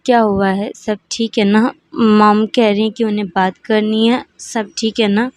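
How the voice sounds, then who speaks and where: A woman's voice: medium pitch, level tone, unhurried, dry recording, studio quality, natural voice. Woman doing a tired, pleading young son. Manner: pleading, defensive, restless questions. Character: tired young man, worried and defensive son.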